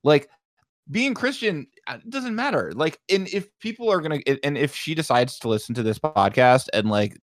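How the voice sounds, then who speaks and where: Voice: medium pitch, lively intonation, normal speed, no room sound. A young adult podcast co-host in casual chat, emphatic and ranting, leaning on "like".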